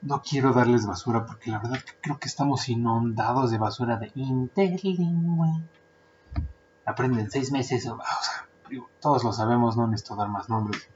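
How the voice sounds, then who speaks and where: A translator and interpreter with a Mexican Spanish accent hosts a casual podcast monologue, chatting and joking with plenty of filler words. His mid-range voice moves at a moderate pace over a noisy background, and the lo-fi sound is dull.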